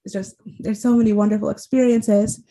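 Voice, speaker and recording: A woman's voice: mid-range voice, flat delivery, a little fast, warm tone. A young woman guest, a college graduate, talking enthusiastically in a casual discussion with many fillers. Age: young adult.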